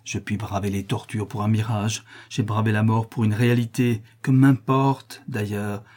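A man's voice: flat delivery, moderate pace, darkish tone, natural voice. Jacques Ferrand, a man doing a raving notary. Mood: furious. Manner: frenzied, shrill outcries. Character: delirious raving male notary, tormented and feverish. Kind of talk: audiobook character reading.

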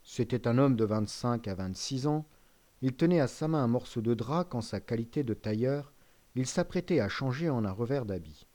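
A man reading a classic novel as an audiobook narrator, in a measured, even manner. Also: medium pitch.

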